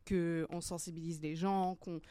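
A young woman with a slightly low voice in a dry, close recording. She hosts a casual discussion in a wordy way, qualifying herself and thinking out loud. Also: steady tone, measured pace, smooth, dry recording. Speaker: discussion host.

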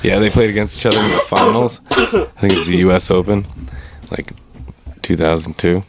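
A man's voice: deep voice, brisk, very noisy. A man co-hosting a casual podcast, goofy and crude, cracking silly jokes. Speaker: podcast co-host. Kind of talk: casual chat.

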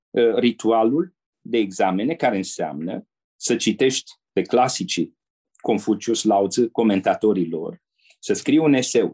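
An older man from Romania, a former diplomat and interpreter, telling anecdotes in a relaxed way and turning to the listener with asides. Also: medium pitch, breathy edge. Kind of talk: anecdotal storytelling.

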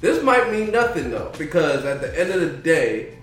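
A man co-hosting a casual podcast, talking in a blunt, excitable, profane way. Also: fairly high pitch, normal speed. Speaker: podcast co-host. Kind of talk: casual chat. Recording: very echoey room, far from mic.

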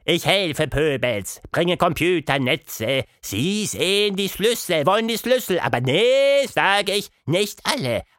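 A man voicing a nervous mouse in a children's story, who squeaks out halting, broken phrases. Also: big pitch swings, fairly bright tone, no echo, clean studio sound, full character voice. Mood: scheming, nervous. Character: nervous sewer mouse, speaks broken German.

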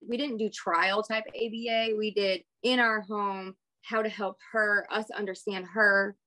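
A woman's voice: mid-range voice, fairly bright tone. Candid mother telling family stories. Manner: candid, rambling, laughs while telling stories. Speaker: guest parent. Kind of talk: casual conversation.

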